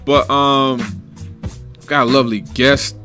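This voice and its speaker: Chill radio host guy, talks easy and hypes it up, music playing loud under him. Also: mid-range voice, level tone, a little slow. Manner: laid-back, hyped radio banter. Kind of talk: casual radio talk show.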